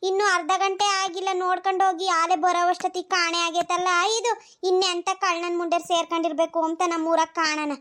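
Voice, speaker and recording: A performer doing a squeaky, fast-talking nagging village granny. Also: little pitch movement, a bit bright. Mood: suspicious. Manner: scolding, grumbling to herself. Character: nagging old village grandmother, scolding and suspicious. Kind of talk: cartoon voice acting.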